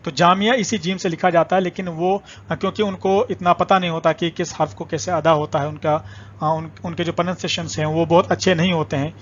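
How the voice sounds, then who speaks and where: A man teaching an online language lesson, explaining slowly and patiently, repeating sounds and pausing often with hesitations. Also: fairly high pitch, flat delivery, muffled recording, a little hiss or hum. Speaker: Urdu teacher.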